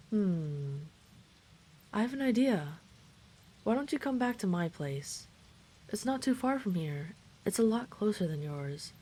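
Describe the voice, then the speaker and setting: On the low side, a woman's voice brings a caring dragon friend to life in an intimate roleplay audio drama, reassuring and considerate with a hint of hesitation. Slight background noise can be heard.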